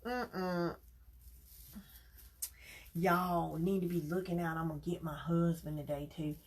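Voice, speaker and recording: A woman's voice: lowish voice, fairly even intonation, slow, slightly rough. A woman, chatting casually with her viewers as she hosts a crafting livestream. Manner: chatty, talks to viewers directly and folksy. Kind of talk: casual live chat while crafting.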